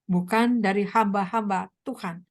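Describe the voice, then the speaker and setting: A woman evangelist preaching a sermon with a hoarse voice, telling stories and asking the listeners many rhetorical questions. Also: mid-range voice, a little slow. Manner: animated storytelling, frequent rhetorical questions. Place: online meeting.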